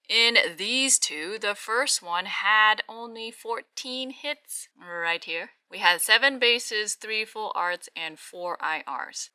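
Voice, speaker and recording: A woman giving casual, unscripted commentary as a card-opening host, moving between quiet murmurs and louder exclamations. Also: fairly high pitch, clear, resonant tone, no room sound.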